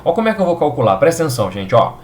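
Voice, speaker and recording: A man's voice: a little high, very animated, very fast, darkish tone, a little hiss or hum. A man with a Brazilian Portuguese accent teaching a chemistry video lesson, upbeat and reassuring, often checking in with his students.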